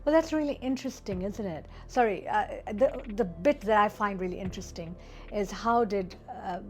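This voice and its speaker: A woman's voice: medium pitch, normal speed, a little mellow, slight background noise. A woman, conversational as she interviews. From Fiji.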